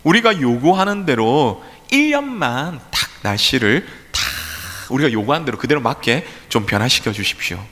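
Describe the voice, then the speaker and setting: A pastor voicing a group of village farmers who pray insistently and complain to God, in an echoey church hall. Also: male voice, sing-song, normal speed, pushed and bright. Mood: pleading. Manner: high, urgent, insistent pleading. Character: demanding village farmers, grown men, praying and complaining.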